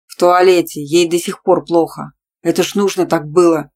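A woman voicing a rude, gruff man who snaps curtly on the phone. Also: fairly low pitch, fairly even intonation, moderate pace, darkish tone. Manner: curt, snapping.

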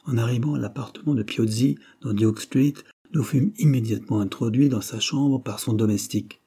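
Dark, husky male audiobook narrator. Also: moderate pace. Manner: raises pitch and volume to voice the characters' quoted lines. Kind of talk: scripted narration of a detective story.

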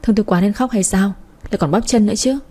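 A woman voicing a gentle, tired firefighter man who speaks softly and fumbles his words. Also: mid-range voice, fast, lightly acted. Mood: tender.

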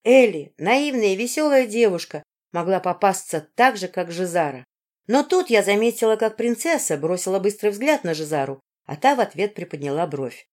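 A woman's voice: mid-range voice, very animated, moderate pace, darkish tone. A woman reading a fantasy audiobook aloud in the first person, with dramatic storytelling. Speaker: audiobook narrator. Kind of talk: expressive audiobook narration.

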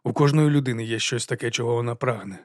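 Young male monk, calm, measured, close dry voice, audiobook figure, read by a man. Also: mid-range voice, dry recording, close to an everyday voice.

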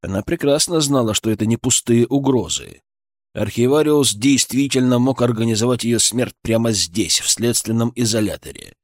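A man narrating an audiobook in a dramatic, expressive manner, close on the mic. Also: mid-range voice, normal speed, dry recording. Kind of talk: scripted narration.

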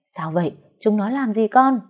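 A woman's voice: medium pitch, animated, normal speed, a little mellow, voice pushed up, close to an everyday voice. A woman voicing a domineering old father who barks harsh commands. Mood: concerned. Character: furious old patriarch, domineering.

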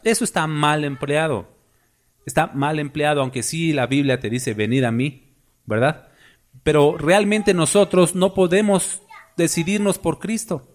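A man preaching a sermon, emphatic and full of rhetorical questions to the congregation. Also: a little high.

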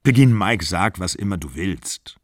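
A man reading an audiobook, voicing a calm older man who answers in a measured, reassuring way. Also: low voice, no echo, studio quality.

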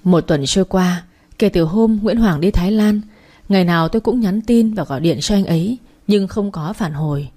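Mellow woman storyteller. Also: mid-range voice, normal speed. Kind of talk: first-person story reading.

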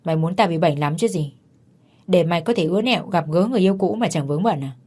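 A man's voice: high voice, fast talker, a little mellow. A woman voicing a jealous young husband who berates his wife with contempt and accusations. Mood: furious.

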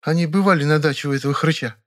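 A man putting on a high, coaxing thirtyish woman, Vera. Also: racing, fairly bright tone, close to an everyday voice. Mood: eager. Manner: coaxing, whiny when refused. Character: chatty flirtatious woman in her thirties.

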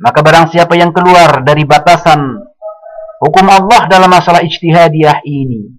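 A man giving a religious study lecture, speaking in a measured way and quoting Arabic passages. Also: a little high, poor audio. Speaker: Islamic teacher.

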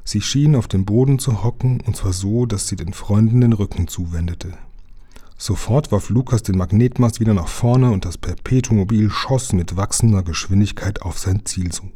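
A man reads a children's book aloud in a calm, measured way. His voice is low, very dark and somewhat husky. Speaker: reader.

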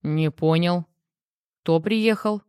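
A woman's voice: lowish voice, slow pace, a little mellow, clear, resonant tone, no echo, studio quality. A woman reading the part of a rattled, irritable grown man who answers curtly in an audiobook. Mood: confused. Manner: curt, defensive replies.

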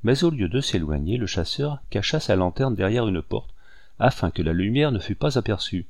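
A man narrating an audiobook in a measured, steady storytelling manner. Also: lowish voice, no room sound, clean studio sound. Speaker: audiobook reader.

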